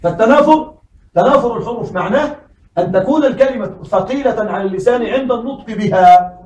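A man teaching a classroom lesson. He keeps asking his students questions and says words slowly, over and over. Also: extremely high pitch, darkish tone, roomy sound, far from the mic, low-quality recording.

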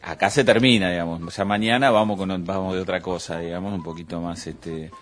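Deep-voiced rambling Argentine man. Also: steady tone, a little fast. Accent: Argentine Spanish. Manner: rambling, many fillers, laughs easily. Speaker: radio producer and columnist. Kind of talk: casual studio chat. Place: radio studio.

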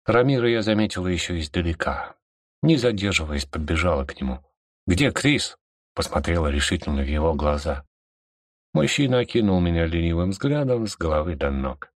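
A man narrating an audiobook in a steady, measured way. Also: deep voice, no room sound, clean studio sound.

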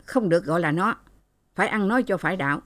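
A woman's voice: lowish voice, lively intonation, lightly acted. A woman voicing a stern, impatient old father who scolds his family. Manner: brisk scolding.

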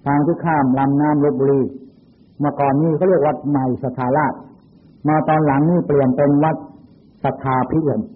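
A man's voice: fairly high pitch, steady tone, brisk, slightly rough. An older man from Thailand, a Buddhist monk, giving a sermon by retelling childhood stories in a folksy, anecdotal way, heard over a tinny phone-like recording. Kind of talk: sermon with personal storytelling.

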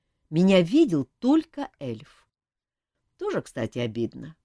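Curious, playful male king, inquisitive and amused, low voice with wide swings; a woman narrator plays him. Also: wildly swooping pitch, a little slow, dark tone, no room sound, clean studio sound, full character voice. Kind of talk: audiobook reading.

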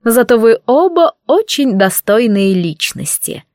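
A woman's voice: a little high, very animated, measured pace, a little mellow, dry recording, clean studio sound, voice pushed up. Laura, a woman voicing a hissing jealous maid. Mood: gloating. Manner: venomous, hissing, mocking. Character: spiteful jealous young maid, sharp-tongued and hissing.

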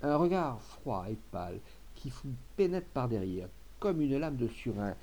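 A man's voice: mid-range voice, sing-song, measured pace, dark tone. Man reading classic stories expressively. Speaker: audiobook reader. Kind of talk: literary story narration.

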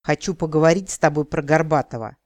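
A grim elf investigator who keeps his questions short and flat, as a male narrator voices him. His tone is calm and stern. The voice is a little high and the sound is dry and close. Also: fast talker, dry recording, close to an everyday voice. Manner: curt, stern.

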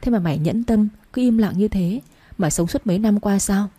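A tearful, scolding old village mother, as a woman narrator puts her on, talking fast and pitched up. The voice stays warm and mellow with a husky grain, and she rebukes her grown son in a storybook reading. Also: natural voice. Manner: scolding, quick, rising.

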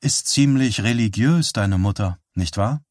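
A spirited young woman, quick to shriek and scold, as a male narrator puts her on. The voice jumps high and sharp, in a dry, close recording. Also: lively intonation, dry recording. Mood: amused. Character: young woman, excitable and exasperated.

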